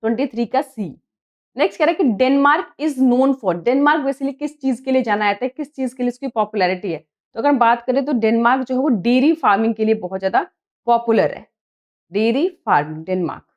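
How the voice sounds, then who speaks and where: A woman teacher with a Hindi accent, reading quiz questions slowly in English and explaining the answers in Hindi. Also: on the high side, lo-fi sound. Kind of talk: exam prep lesson.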